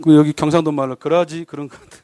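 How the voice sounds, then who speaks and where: A man's voice: a little high, quick pace, clear, resonant tone, no echo. A man preaching a sermon as a guest pastor at a church service, joking and keeping the congregation involved with constant questions. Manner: lively, jokey, keeps asking the congregation questions.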